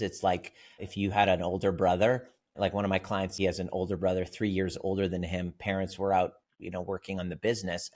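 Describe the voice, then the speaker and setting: A man, a therapist guest on a podcast interview, explaining ideas through vivid stories and examples. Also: deep voice.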